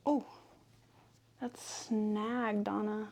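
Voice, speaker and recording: A woman's voice: medium pitch, little pitch movement, extremely slow, a little mellow, a little hiss or hum. A woman chatting casually for ASMR while brushing a cat, rambling playfully and slipping into affectionate talk to her pet. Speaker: vlogger making ASMR videos. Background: cat purring.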